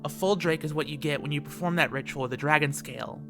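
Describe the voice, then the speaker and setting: A man voicing a calm, soft-spoken woman mage. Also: a little high, fast talker, music in the background, voice pushed up, close to an everyday voice. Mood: patient. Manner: soft, patient explaining. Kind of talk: audiobook character voice.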